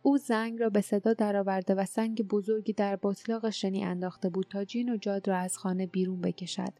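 A woman with a mid-range voice narrates an audiobook in a steady, even storytelling manner, with no room sound.

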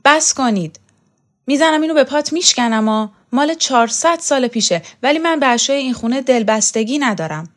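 Woman doing an old lady losing her temper, high and loud, biting every word. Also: expressive. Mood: furious. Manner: shrill, indignant outbursts. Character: proud wounded elderly woman, bitter and defiant.

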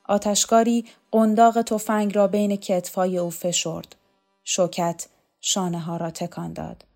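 A woman narrating a novel as an audiobook, in a calm, measured way. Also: mid-range voice, gravelly, faint music behind.

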